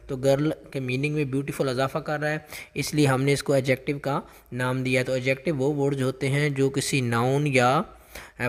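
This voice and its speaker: A man teaching English grammar for a job test, explaining each answer with lots of repetition and reading the English sample sentences out slowly. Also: medium pitch, in a large hall. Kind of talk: explaining exam questions.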